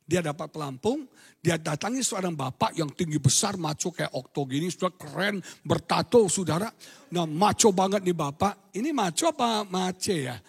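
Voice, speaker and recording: Animated, husky high-voiced preacher man. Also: normal speed, big-room sound. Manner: animated, swinging from quiet to shouting. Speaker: pastor. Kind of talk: sermon.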